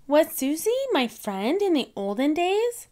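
Woman reading as a squeaky, eager little piglet girl from a storybook, high and lively. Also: unhurried. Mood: excited. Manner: eager, excited questions.

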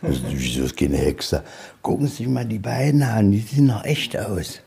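On location inside a museum, a male guide gives an informal tour full of anecdotes, rambling folksily and ending sentences with "ja". His voice is on the low side, sing-song and fried, moving at a moderate pace, with crowd noise around him.

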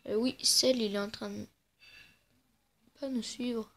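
Gamer woman, slow and a bit high, playful trash talk with soft mutters. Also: fairly even intonation. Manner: playful, trash-talks the game, often mutters softly. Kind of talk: casual let's-play commentary.

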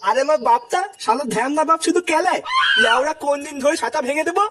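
A man's voice: very high voice, quick pace, heavy background noise. A man voicing a hot-tempered, coarse father in a cartoon who scolds and grumbles. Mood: grumbling.

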